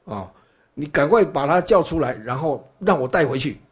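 Man doing a haughty Brahmin scholar, husky, high and loud, indignant. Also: lively intonation, moderate pace. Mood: accusing. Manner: shouting, indignant demands. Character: proud, loud male Brahmin scholar demanding back his nephew.

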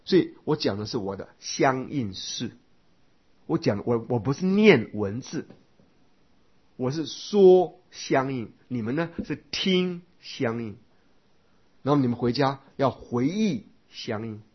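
A man's voice: medium pitch, expressive, slow, husky. A man teaching Buddhist doctrine in a lecture, explaining step by step and asking rhetorical questions. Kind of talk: dharma lecture. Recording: dull lo-fi lecture recording.

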